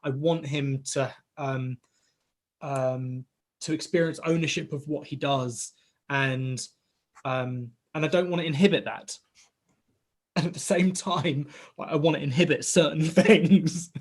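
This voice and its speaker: A man in his thirties co-hosting a casual podcast, telling a rambling, animated story full of "like" and "right?" and acting out bits of dialogue. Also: a little high, unhurried. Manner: acts out quoted dialogue in the story. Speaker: podcast co-host, father of a young boy. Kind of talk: casual chat.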